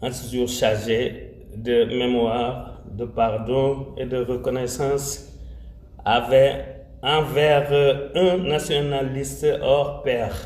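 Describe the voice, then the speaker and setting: A man's voice: medium pitch, little pitch movement, takes it slowly, darkish tone. A man with a Senegalese French accent gives a formal commemorative address in a solemn, emphatic way. He repeats key phrases and slips Wolof phrases into his French. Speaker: religious community speaker. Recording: roomy echo, faint ambient noise.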